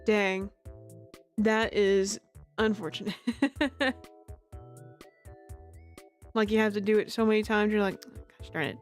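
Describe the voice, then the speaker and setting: Speaking slowly with frequent pauses, a livestreamer and amateur voice actor chats on a game stream in a steady, mid-range voice. She stays close to the microphone, giggling, rambling and poking fun at herself while music plays behind her.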